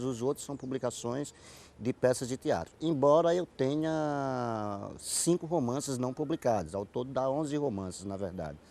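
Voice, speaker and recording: A Paraíba-born writer and playwright, appearing as a guest, answers interview questions conversationally in a Northeastern Brazilian accent. His voice sits mid-range with a warm tone, and a faint hiss or hum runs underneath. As he explains things he repeats words while hunting for the right phrasing.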